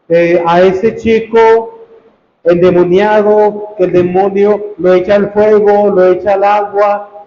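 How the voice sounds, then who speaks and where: A priest teaching a sermon, slow and emphatic, repeating key phrases for weight. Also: male voice, high voice, warm tone. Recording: dull, echoey room recording.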